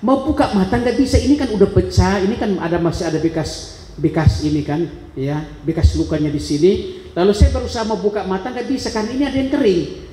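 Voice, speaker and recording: High-voiced man preaching in an echoing hall. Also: fairly quick, dark tone, slight background noise. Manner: dramatic storytelling, acting out voices and gasps. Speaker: preacher giving a testimony. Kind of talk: sermon testimony. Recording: echoey hall reverb.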